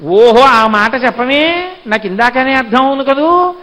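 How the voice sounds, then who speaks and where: A man voicing a sharp-witted young milkmaid who teasingly pretends not to understand. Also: very high voice, lively intonation, a little slow, in a large hall, heavily acted.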